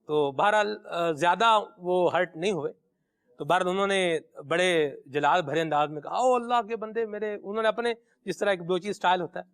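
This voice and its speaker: A man's voice: sits high, fairly bright tone. A man hosting a religious call-in show, reading viewer messages and telling anecdotes in a respectful, affirming way. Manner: respectful, affirming, hesitant fillers when reading.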